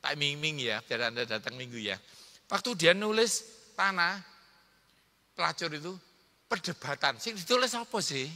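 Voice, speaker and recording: A man's voice: sits high, sharp tone, long reverb tail. A male pastor with an East Javanese accent, preaching a sermon in a joking, teasing way and calling for amens. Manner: joking, teasing the congregation, calls for amen.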